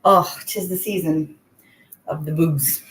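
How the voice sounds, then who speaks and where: A woman's voice: sits low, steady tone, slow pace. A woman hosting a casual, chatty livestream from an echoing bathroom, greeting viewers as she goes. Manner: chatty, addresses viewers by name. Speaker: livestream host. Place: indoors, in a bathroom. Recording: echoey bathroom, clear background noise.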